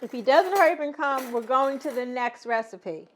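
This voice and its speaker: A woman's voice: sits high, moderate pace, background noise. A middle-aged woman hosting a casual cooking demonstration, chatty and teasing with her family. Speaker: cooking show host.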